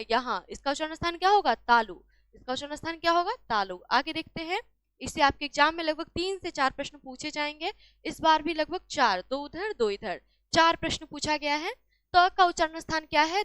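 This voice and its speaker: A woman's voice: high-pitched, a bit bright, dry recording. A woman teaching a lesson on exam solutions, asking each question and answering it herself.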